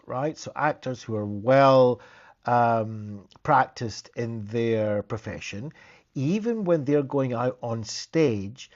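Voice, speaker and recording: A man's voice: medium pitch, muffled recording. A man, a therapist hosting a casual live stream, talking in a chatty, rambling way with frequent restarts.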